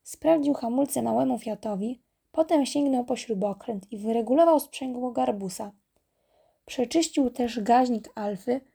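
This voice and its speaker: A woman narrating a children's storybook in a calm, even reading voice. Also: fairly high pitch, measured pace, gravelly, husky.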